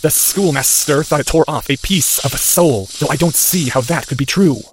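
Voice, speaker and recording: A man's voice: a little high, normal speed, noisy background, pitched above the performer's own voice, natural voice. A man voicing an earnest, anxious boy wizard, speaking in a strained, urgent way. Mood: urgent, careful.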